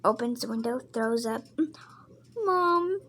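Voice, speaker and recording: High-voiced woman chatting through a game role-play. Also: steady tone, slow, a little mellow, slight background noise. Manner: chatty, stops to narrate what her character does. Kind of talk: casual game role-play with narrated actions.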